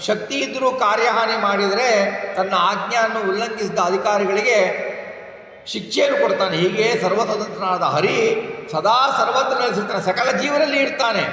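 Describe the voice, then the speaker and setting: A man's voice: high voice, sharp tone. A man giving a devotional religious discourse, explaining with rhetorical questions and chanting scripture verses. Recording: echoey hall with faint noise.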